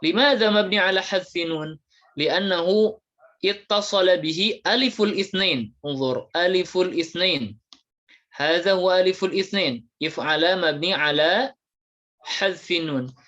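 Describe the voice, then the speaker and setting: A teacher giving an Arabic grammar lesson, slowly drilling word forms one by one with many repetitions. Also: mid-range voice, fairly bright tone, lo-fi sound. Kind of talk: classroom lesson.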